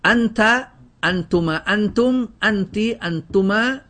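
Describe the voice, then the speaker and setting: A man's voice: sits high, a little slow, sharp tone. A man teaching a grammar lesson to a class, drilling word lists and quizzing students with questions. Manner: often breaks off and restarts words.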